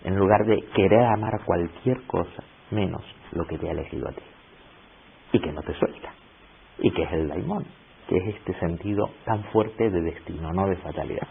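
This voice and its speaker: Male lecturer, low and gravelly, with a lively pitch range and emphatic bursts; tinny phone-like audio. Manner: reflective, with emphatic rising bursts and rhetorical questions. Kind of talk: lecture to a class. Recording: tinny lo-fi recording with faint hiss.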